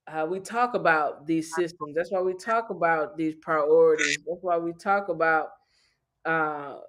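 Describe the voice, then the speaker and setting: A man hosting a casual podcast, laid-back and repeating phrases as he builds a point. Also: fairly high pitch. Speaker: podcast host. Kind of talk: casual podcast chat about reentry.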